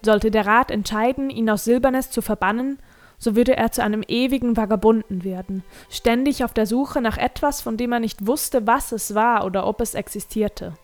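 A woman narrating a fantasy novel in a calm, measured reading voice. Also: a little high, soft background music. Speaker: audiobook narrator.

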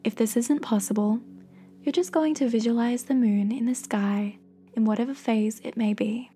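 A woman with a soft, breathy voice gently and slowly guiding a meditation in soothing, encouraging scripted narration. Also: on the high side, faint music behind. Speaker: guided meditation host.

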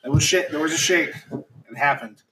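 A man's voice: a little high, a little fast, a crowd in the background. A man co-hosting a casual sports podcast, dry and brief, laughing off jokes. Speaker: podcast co-host. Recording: distant, roomy mic with faint noise.

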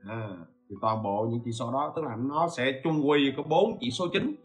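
A man's voice: mid-range voice, animated, moderate pace, faint music behind. Man giving a chatty lecture. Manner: asks rhetorical questions and checks in with listeners. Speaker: podcast host teaching e-commerce. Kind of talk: informal spoken lecture.

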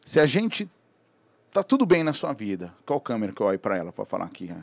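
Male guest, expressive storyteller, wide-ranging pitch. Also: fairly quick, gravelly, no room sound. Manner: animated, acts out quoted dialogue. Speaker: podcast guest. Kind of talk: casual storytelling chat.

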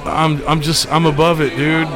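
A man's voice: a little high, fairly even intonation, moderate pace, crowd noise. A man in a casual podcast chat, talking in a weary, fed-up way and swearing heavily. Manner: heavy swearing.

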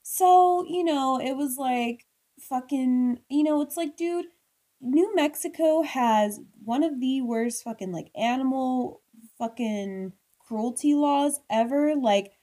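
A young woman in casual podcast chat, animated and profane, her talk full of fillers. Her voice sits a little high with a dark, mellow tone. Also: slow. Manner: animated, swears a lot, many "like" fillers. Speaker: podcast co-host.

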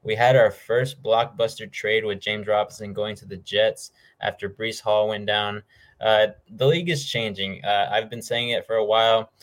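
A man with a fairly low voice hosts a football picks show. He talks informally, in a casual, slangy way, as he moves through his predictions. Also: fairly even intonation, normal speed. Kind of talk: casual sports talk, game predictions.

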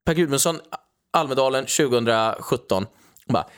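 A man's voice: medium pitch, lively intonation, clean tone. A man ranting sarcastically in casual political chat, mocking others with put-on voices.

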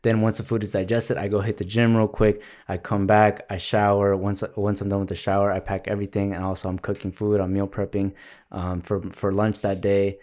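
A young man in casual conversation, telling stories animatedly, acting out quotes loudly and swearing freely. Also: on the low side, flat delivery, a little fast. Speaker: guest, video editor. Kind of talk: casual podcast chat.

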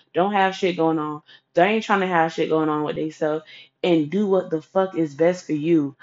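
A woman's voice: lowish voice, a little mellow. A woman giving blunt, sassy, profanity-heavy advice in a casual vlog rant. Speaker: advice vlogger. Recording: dull lo-fi recording.

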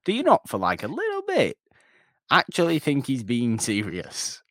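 In clean studio audio with no room sound, a mid-range male co-host talks at a moderate pace about an old film. He's casual and animated, wandering from point to point and frequently cutting himself off mid-sentence.

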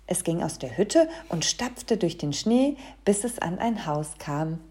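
Female storybook reader, expressive, warm and husky. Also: fairly low pitch, measured pace. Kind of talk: storybook reading aloud.

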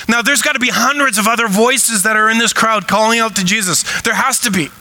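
A man preaching a sermon from the pulpit, animated and acting out shouted cries as he retells a story. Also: sits high, low-quality recording. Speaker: pastor.

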